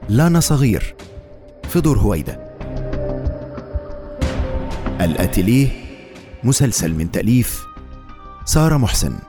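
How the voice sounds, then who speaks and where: A man's voice: mid-range voice, lightly acted. A man as an old radio serial announcer, formally reading out the cast and crew credits.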